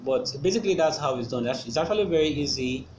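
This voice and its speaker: A man's voice: on the high side, lively intonation, fast talker, a little mellow. Hesitant man talking over background noise. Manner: hesitant, with many fillers and restarts. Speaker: channel host explaining trading. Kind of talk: casual screen-recorded tutorial. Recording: noisy background ambience.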